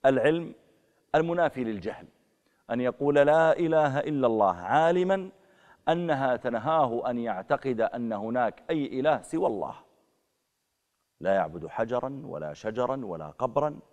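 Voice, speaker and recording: A man preaching a sermon, rising sharply and forcefully on key phrases. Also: mid-range voice, expressive, moderate pace. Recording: long hall reverb.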